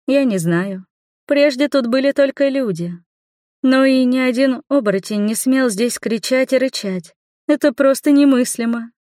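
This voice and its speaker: A woman voicing a stern, ancient female swamp spirit who speaks slowly and coldly. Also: sits high, warm tone, dry recording, clean studio sound, pitched above the performer's own voice, natural voice.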